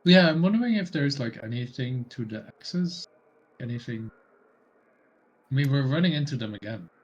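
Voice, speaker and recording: A man's voice: medium pitch, animated, normal speed, highs cut off. A man playing a tabletop game, musing tentatively about what to try next. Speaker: player.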